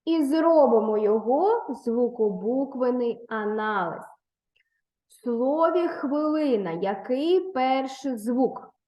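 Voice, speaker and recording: A woman with a slightly high, expressive voice teaches slowly in an online class for third graders, the audio echoey and missing its highs. She patiently encourages the primary schoolers, praising answers and nudging them onward.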